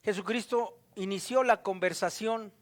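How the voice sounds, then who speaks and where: A man's voice: sits high, normal speed. A man preaching a sermon, asking his listeners questions and acting out the voices in the story. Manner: animated, asks the listeners questions, acts out voices in quotes.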